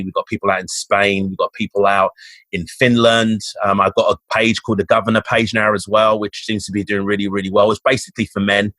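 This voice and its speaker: This East End Londoner, a Cockney-accented fitness coach, talks with a lowish voice and a sharp tone, recorded with no room sound. As a podcast guest in a casual interview, he keeps things motivational and upbeat, frequently starting his sentences over.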